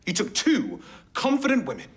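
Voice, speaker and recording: Casting: a formal, accusing prosecutor in courtroom drama, fairly high male voice with animated swings. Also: moderate pace. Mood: forceful, accusing. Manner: formal, pointed, rhetorical tag questions. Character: relentless male prosecuting barrister, accusing, controlled. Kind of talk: TV soap courtroom drama acting.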